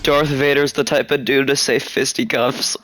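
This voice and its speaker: A man's voice: medium pitch, steady tone, moderate pace, fairly bright tone, a little hiss or hum. Giggly young man teasing. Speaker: gamer. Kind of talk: casual game chat.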